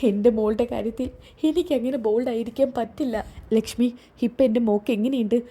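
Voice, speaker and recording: A distraught mother-in-law who pleads through tears, voiced by a woman narrator. Her voice is mellow and husky, with anxious, rising lines. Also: fairly high pitch, a little fast, close to an everyday voice. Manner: tearful, pleading.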